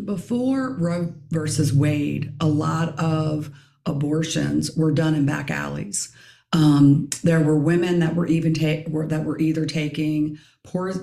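A middle-aged woman hosting a casual podcast discussion, her raspy voice hoarse as she keeps clearing her throat. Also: sits low, slow pace, dark tone, echoey room. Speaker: podcast host.

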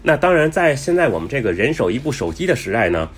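A man's voice: mid-range voice, big pitch swings, slight background noise. A man giving travel advice in a casual, explanatory way, with many fillers and restarts. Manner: says he talks fast. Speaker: travel vlogger.

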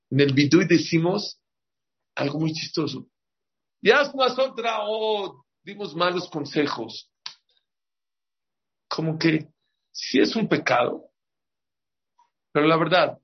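A man's voice: a little high, vocal fry. A man gives a sermon as a rabbi, acting out the dialogue of his stories with animation. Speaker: rabbi giving a talk. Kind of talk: storytelling sermon. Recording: dull lo-fi recording.

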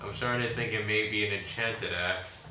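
A man playing a tabletop game, speaking in a dry deadpan way. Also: fairly low pitch, moderate pace. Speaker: player. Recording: echoey, distant, loud noise.

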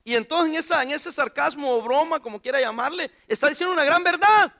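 A man's voice: very high voice, fast, bright, forceful tone. A pastor preaching an informal sermon in a church, joking and putting questions to his congregation.

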